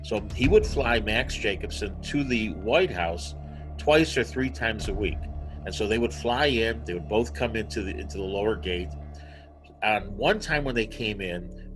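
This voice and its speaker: A man's voice: on the low side, unhurried, faint music behind, rough recording. A man who is a guest author, telling a story animatedly over a video call. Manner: animated storyteller, acts out quotes. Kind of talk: conversational storytelling.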